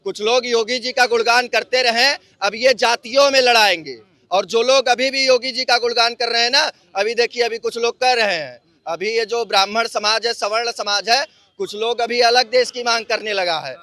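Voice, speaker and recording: Indignant man, bright high voice. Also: normal speed, no echo. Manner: indignant, repeats his questions insistently. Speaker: member of the public giving his view. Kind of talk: heated street interview.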